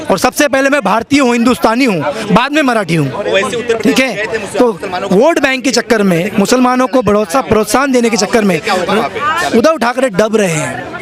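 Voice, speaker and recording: A man's voice: extremely high pitch, lively intonation, normal speed. A man from Maharashtra giving an emphatic, repetitive street interview outdoors. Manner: emphatic, repeats points. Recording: outdoor crowd noise.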